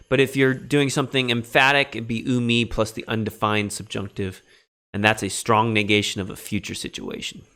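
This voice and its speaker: A man lecturing on biblical Greek grammar in a recorded class. He talks in an animated, emphatic way and breaks off for quick asides to his students. His voice sits at an ordinary middle pitch for a man. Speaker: Greek instructor.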